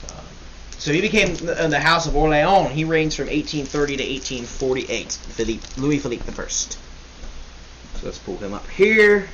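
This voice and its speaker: A man's voice: on the high side, lively intonation, normal speed, a bit bright, muffled recording. A young man hosting a casual history podcast, rambling and joking, often correcting himself. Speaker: podcast host. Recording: faint hiss.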